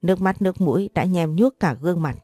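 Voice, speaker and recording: A woman reading a sad story aloud in a steady, measured way. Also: lowish voice, dry recording. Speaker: narrator. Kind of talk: scripted story narration.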